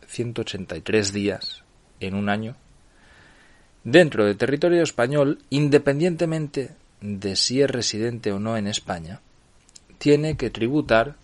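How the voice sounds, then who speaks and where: A middle-aged man from Spain with a Spanish accent, hosting a solo podcast and explaining things while often checking in with his listeners. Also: medium pitch. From Barcelona, Spain. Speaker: podcast host.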